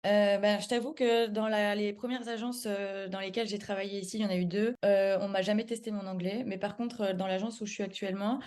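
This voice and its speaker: A woman's voice: medium pitch, level tone, a little fast, few pauses, darkish tone. A young woman from France with a French accent, talking casually as a podcast guest, full of fillers and restarts. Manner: chatty, many fillers and self-corrections, laughs easily. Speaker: guest, public relations adviser. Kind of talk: casual chat.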